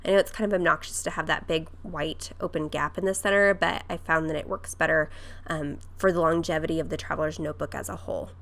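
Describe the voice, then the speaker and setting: A woman with a cold-roughened voice, chatting casually through a craft tutorial voice-over. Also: low-pitched, fairly even intonation, fast talker. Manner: chatty, with fillers and soft laughs. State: hoarse from a cold. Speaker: craft vlogger.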